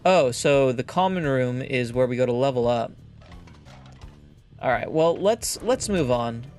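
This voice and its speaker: A man's voice: mid-range voice, lively intonation, measured pace, darkish tone. A man hosting a let's play, musing aloud casually and reading game text as he plays. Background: faint game music.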